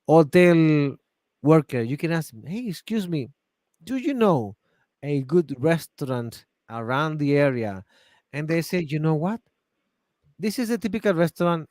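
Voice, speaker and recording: A man with a Chilean accent teaching English on a video call, animated and encouraging, speaking slowly and clearly for learners. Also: a little high, no echo, studio quality. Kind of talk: online English class.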